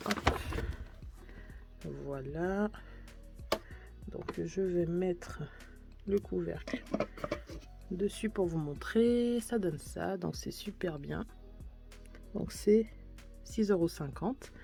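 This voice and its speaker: A woman's voice: lowish voice, drawn-out words, creaky, pauses often, loud music behind the voice. A woman vlogger chatting casually through a shopping haul, gushing about each purchase. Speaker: beauty and lifestyle vlogger.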